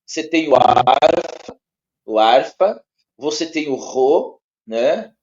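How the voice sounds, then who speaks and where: Brazilian male tutor, slightly high pitch, stop-start and repetitive delivery, muffled lo-fi audio. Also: lively intonation, a little mellow. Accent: Brazilian Portuguese. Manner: halting, repeats words, checks in often with tags. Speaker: teacher. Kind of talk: one-on-one spoken lesson. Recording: dull lo-fi sound.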